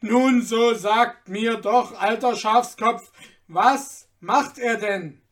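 A man voicing an impatient male servant in a storybook reading, loud and demanding. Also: high voice, unhurried, recorded from a distance. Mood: angry.

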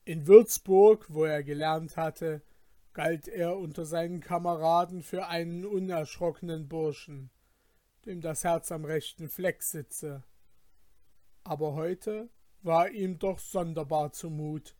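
Guy reading an old fairy tale, measured, super dry close sound. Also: fairly high pitch, steady tone, warm tone, no echo. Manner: measured, storytelling cadence. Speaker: narrator. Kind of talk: scripted fairy-tale narration.

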